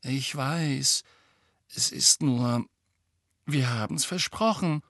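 A man's voice: mid-range voice, fairly even intonation, normal speed, a bit bright, dry recording, studio quality, voice pushed up, natural voice. A man voicing an earnest, studious teenage girl who sounds sheepish and serious.

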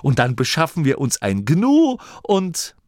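A keen little gnome boy chirps out his ideas in a high, bouncing voice, as a male storyteller puts him on. It rises and falls a lot and sits dry in a close studio sound. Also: unhurried, no room sound. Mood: eager. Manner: high, excited, pleading.

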